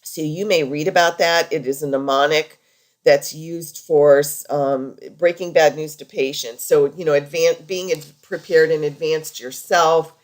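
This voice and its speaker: A woman's voice: sits low, fairly even intonation, unhurried. A woman lecturing over slides in an informal, conversational and explanatory way, as a healthcare practitioner teaching.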